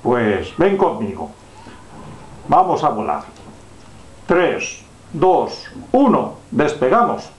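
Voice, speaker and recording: Man playing a gentle friendly superhero, echoey room. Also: mid-range voice, big pitch swings, slow pace, pauses often. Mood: friendly, helpful. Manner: gentle, reassuring, simple talk to a child. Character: friendly flying male superhero helping a lost little girl. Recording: dull, echoey home room recording.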